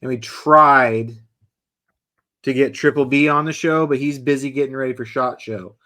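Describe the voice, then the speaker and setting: A man's voice: medium pitch, bright, forceful tone. Easygoing teasing man co-host. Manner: easygoing, teasing, quick to laugh. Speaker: co-host of a knife show. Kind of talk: casual chat.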